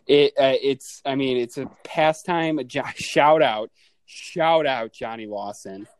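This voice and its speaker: A man's voice: medium pitch, measured pace. A man in his thirties hosting a casual chat, who laughs often, swears freely and acts out family scenes. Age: 30s. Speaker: podcast host.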